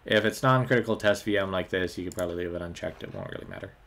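A man's voice: low voice, rapid-fire. Man walking through a screen recording. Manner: relaxed, many ums and uhs. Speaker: tech tutorial host. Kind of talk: screen-recorded software walkthrough.

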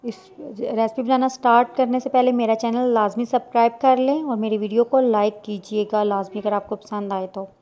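A woman, talking viewers through a recipe step by step in a plain, unhurried voice-over. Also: fairly high pitch, steady tone, darkish tone. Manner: plain instructional, unhurried with small restarts. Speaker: cooking channel host.

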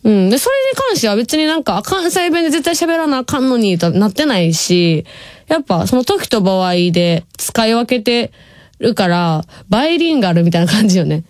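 A woman's voice: medium pitch, expressive, fairly quick, darkish tone, no echo, clean studio sound. Chatty Kansai woman radio host. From Nishinomiya, Hyogo, Japan. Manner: chatty, laughs often, drawls some words. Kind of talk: casual radio talk reading listener messages. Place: radio studio.

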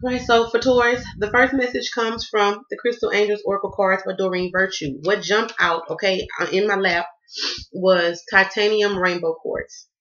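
Southern woman, tarot vlogger, bright forceful tone, emphatic and chatty, dull lo-fi home recording. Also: mid-range voice, steady tone, normal speed. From Southern United States. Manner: emphatic, repetitive, addresses viewers as y'all. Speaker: tarot card reader. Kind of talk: casual tarot reading vlog.

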